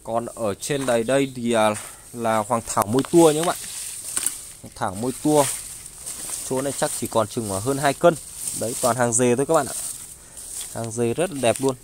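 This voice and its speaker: Male seller, medium pitch, informal price-by-price sales patter with frequent pauses, filmed on a phone outdoors. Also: slight background noise. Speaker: online plant seller. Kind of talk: casual sales pitch listing wares and prices. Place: outdoors, beside goods laid on a tarp. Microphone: handheld phone filming the goods.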